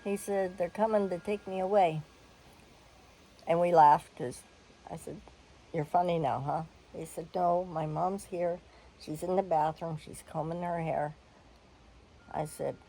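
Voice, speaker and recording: A woman's voice: fairly low pitch, fairly even intonation, slow pace, long pauses, warm tone, poor audio. Blunt older woman telling a story. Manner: candid, blunt, with coughs and sighs. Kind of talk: personal storytelling.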